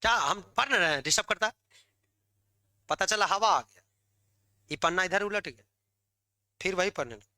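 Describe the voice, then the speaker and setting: A male teacher, high for a man and very bright and forceful in tone. He talks to students in a lively, coaxing and scolding way, with sudden loud bursts. The sound is close and dry. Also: normal speed, long pauses, no room sound. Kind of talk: classroom lecture.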